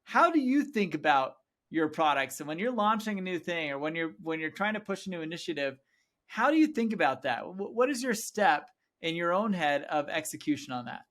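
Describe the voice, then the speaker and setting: A man hosting a business podcast, asking long, rambling questions and warmly affirming his guest's answers. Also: on the high side, sing-song, brisk. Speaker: podcast host. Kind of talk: podcast interview.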